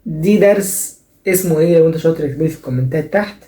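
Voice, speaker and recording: Fast-talking young Egyptian man joking. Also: a little high, mellow. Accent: Egyptian Arabic. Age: young adult. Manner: joking, teasing, playfully sarcastic. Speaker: advice show host. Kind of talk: comic advice monologue. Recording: echoey room.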